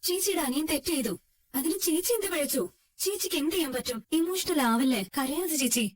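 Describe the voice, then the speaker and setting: A woman's voice: sits high, animated, quick pace. A woman voicing a blunt, outspoken young woman of the family in a dubbed TV serial. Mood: firm.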